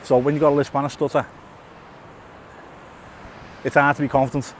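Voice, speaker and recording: Walking outdoors near a tunnel in town, this male YouTuber vlogs casually over faint traffic. He speaks fairly quickly at medium pitch with little pitch movement. His lisp is audible, and he stutters, repeats and restarts words, and leans on fillers.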